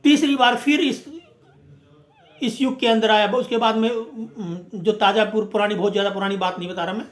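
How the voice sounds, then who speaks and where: A man with a high voice delivers a fiery, emphatic speech, leaning on rhetorical questions and repeated phrases. The sound rings with the echo of the room. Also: fairly even intonation, normal speed. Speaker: movement speaker. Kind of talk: impassioned speech. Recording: echoey room.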